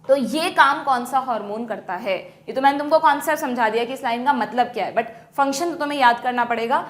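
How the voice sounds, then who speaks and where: An Indian woman teacher with a high-pitched voice gives an exam solution lesson, working through questions step by step. She reads the question text slowly and checks in with students often.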